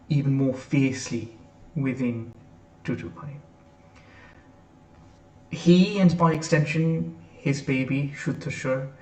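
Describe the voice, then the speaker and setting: A man giving an earnest prepared tribute as a member of an editorial board, pausing on "um" fillers. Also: medium pitch, darkish tone. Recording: echoey room, mic far off.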